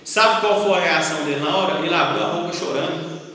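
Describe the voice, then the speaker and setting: A man's voice: fairly high pitch, quick pace, pushed and bright. A man with a Brazilian Portuguese accent, speaking to patients' families as a clinic counselor. He talks bluntly and emphatically and keeps throwing rhetorical questions at his listeners. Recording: echoey hall, voice from far off.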